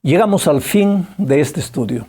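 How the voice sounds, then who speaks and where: A preacher giving a sermon, telling a story with lively emphasis, repeating phrases and asking the listener direct questions. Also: mid-range voice, normal speed, slightly rough.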